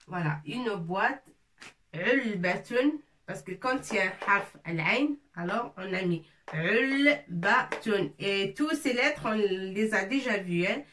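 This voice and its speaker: A woman's voice: medium pitch, animated, slow pace, fairly bright tone, recorded from a distance, a little hiss or hum. A woman teaching a lesson, patiently repeating each word and breaking it into syllables. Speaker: Arabic teacher. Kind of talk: slow spelled-out language lesson.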